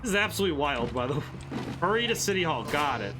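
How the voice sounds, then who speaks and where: A man giving excited, bemused, exclamatory commentary while playing a video game. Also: a little high, fast. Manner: exclamatory, reacts aloud with ows and laughs. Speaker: game streamer, game designer. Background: game music.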